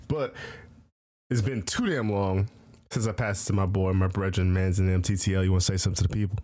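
Low-voiced man, slangy and rambling. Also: steady tone, fast talker, a little mellow, no echo, studio quality. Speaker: podcast co-host. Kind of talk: casual chat.

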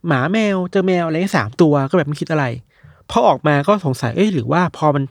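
In clean studio sound without echo, a man with a fairly high voice talks fast as he shares odd news stories with friends. It's casual chat, and he brings each tale to life by voicing the people in it.

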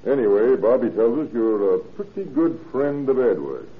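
A man playing a calm, wily police inspector in an old radio drama, with the folksy, streetwise patter of a 1930s beat cop. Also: mid-range voice, moderate pace, natural voice. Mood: probing. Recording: muffled, noisy old radio recording.

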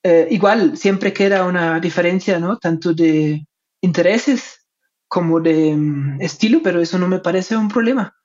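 A man's voice: high-pitched, a little slow, a little mellow. A man with a German accent, a native German speaker using Spanish, answers interview questions in a conversational way. His phrasing is reflective and hesitant, often checking in with short tag questions. The recording is dull and lo-fi. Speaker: interviewed academic researcher and author. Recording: dull, lo-fi sound.

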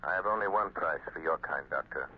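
An actor playing a mysterious invisible crime fighter, stern and taunting, in theatrical 1930s radio drama style. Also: male voice, very deep voice, a little fast, breathy edge. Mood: stern, assured. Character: mysterious invisible male crime fighter, grim, mocking avenger. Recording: muffled, hissy 1930s radio recording.

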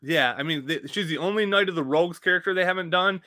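A man's voice: sits high, fast talker, bright, forceful tone, no room sound, studio quality. A man co-hosting a fan podcast in a casual, chatty, agreeable way. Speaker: podcast co-host. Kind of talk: casual chat.

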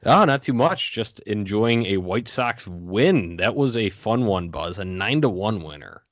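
Male sports podcast co-host, deep pitch, casual recap commentary, dry recording. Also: expressive, unhurried, no echo.

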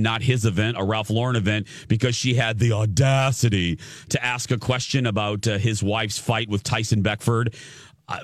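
A man's voice: mid-range voice, dry recording, clean studio sound. A man hosting a morning radio show, chatting casually and giving opinions in an informal way. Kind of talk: casual talk radio chat. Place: radio studio.

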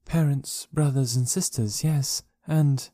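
Dejah Thoris, a soft-spoken princess, as a man reads her. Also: mid-range voice, fairly even intonation, no room sound, studio quality. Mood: tender. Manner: soft, quiet and measured. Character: gentle, dignified young Martian princess.

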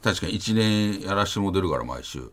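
A man's voice: sits low, animated, a little fast. A man in his forties with a Kansai accent, co-hosting a radio comedy show, rambling through stories with many fillers. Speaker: radio comedy duo host. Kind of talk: casual radio storytelling.

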